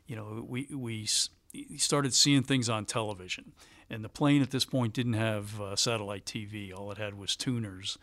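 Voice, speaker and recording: A man's voice: fairly low pitch, a bit bright, no echo. Middle-aged male pilot guest, chatty anecdotes, dry close recording. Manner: conversational, laughs while telling stories. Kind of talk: anecdotal interview storytelling.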